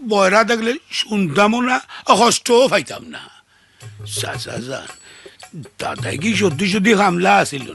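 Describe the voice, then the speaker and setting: A man's voice: high voice, expressive, measured pace, vocal fry, heavily acted. A man playing an eager, simple-minded, hard-of-hearing servant in a comic film, talking in a rustic regional Bangladeshi accent. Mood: chatty, teasing. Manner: rustic, comic, mishears and rambles. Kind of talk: broad comic film acting. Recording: loud film music behind the voice.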